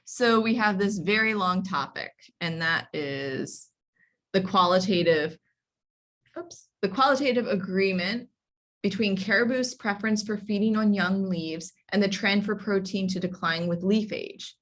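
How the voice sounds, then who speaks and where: Woman running a zoom writing class, slow and halting, lots of ums, video call audio. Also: medium pitch, fairly bright tone. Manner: explains step by step, many ums and restarts. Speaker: library workshop instructor. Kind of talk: online workshop lecture.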